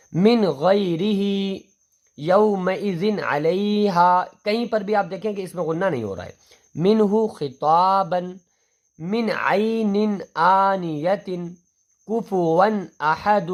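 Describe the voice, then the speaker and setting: A man leads a Quran reading lesson. He explains each rule patiently and step by step. He often slows right down to spell out letters and repeat words. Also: on the high side.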